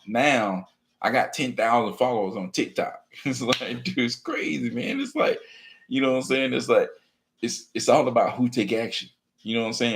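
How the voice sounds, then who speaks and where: A man talking casually and earnestly to camera, encouraging viewers and filling his speech with "man" and "you know what I'm saying". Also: fairly low pitch. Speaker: teacher and real estate wholesaler vlogger. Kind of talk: casual motivational talk to camera.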